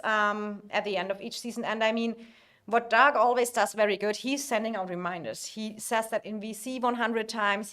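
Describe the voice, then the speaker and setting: A woman's voice: medium pitch, fairly bright tone. A woman who is not a native English speaker, chatting casually as a livestream host, searching for words as if translating in her head. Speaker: livestream host and alliance member. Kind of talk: casual livestream chat about a strategy game.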